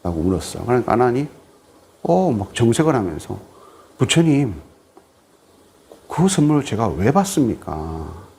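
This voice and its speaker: A man's voice: mid-range voice, normal speed, creaky, pauses often, slight background noise. A man, a Buddhist monk, giving a televised sermon, telling stories and acting out the people he quotes. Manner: animated storytelling, acting out quoted speech.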